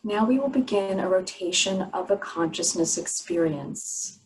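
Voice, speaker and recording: A woman with a mid-range voice leads yoga nidra, offering soothing instructions slowly with pauses between phrases. The recording is rough, with a little hiss or hum.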